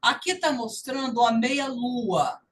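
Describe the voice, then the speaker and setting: A woman's voice: fairly high pitch, animated, takes it slowly, recorded from a distance, rough recording. A woman with a Brazilian Portuguese accent, teaching a lesson and patiently repeating sounds to demonstrate them. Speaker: language teacher. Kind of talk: online English lesson.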